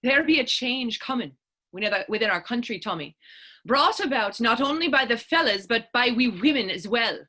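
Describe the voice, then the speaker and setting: A woman performs in staged readers theater dialogue as Hannah, a spirited, determined Irish actress and patriot, speaking with a coaxing, earnest lilt and a fervent mood. Her voice is on the high side, expressive, pushed and bright, at a moderate pace.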